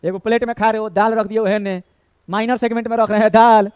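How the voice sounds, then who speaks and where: A man teaches a classroom maths lesson in a high, clear, resonant voice. He talks in a chatty way, joking with his students, scolding them and dropping in Bhojpuri words. The sound is dry and close. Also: flat delivery, quick pace, a little mellow, no echo.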